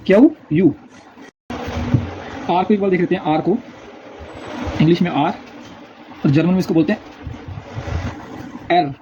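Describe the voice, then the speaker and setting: A man teaching a language lesson, repeating letter sounds slowly and patiently in a casual spoken style. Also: high-pitched, dark tone. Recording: dull lo-fi recording, faint noise.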